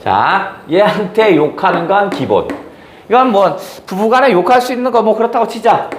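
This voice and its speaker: A male teacher lectures on classical prose with a high voice that leaps around. He tells the story bluntly and casually and keeps asking the class rhetorical questions. The room has a strong echo. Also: slight background noise. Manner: casual, blunt speech with slang.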